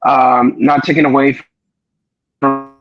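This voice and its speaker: A man in his forties, a wine shop owner, speaking haltingly over a choppy, glitchy video call whose audio keeps breaking up. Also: medium pitch, flat delivery, no room sound, lo-fi sound, soft background music. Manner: halting, full of ums and restarts.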